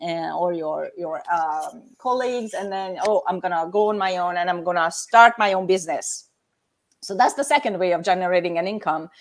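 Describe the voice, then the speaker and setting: A Hungarian woman in her fifties, speaking with a Hungarian accent in a mid-range voice, appears as a guest in a casual chat. She explains things step by step.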